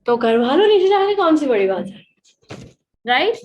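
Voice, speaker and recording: A woman's voice: sits high, very animated, moderate pace, lo-fi sound, slight background noise. A woman giving a classroom lecture in Hindi mixed with English, asking her students questions and answering them.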